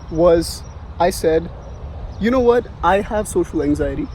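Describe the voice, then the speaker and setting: A young Indian vlogger in his twenties, with a light Indian accent, gives rambling casual advice outdoors on a sunny street, full of fillers and restarts. His voice is high with a darkish tone, and the rough recording carries a little hiss or hum.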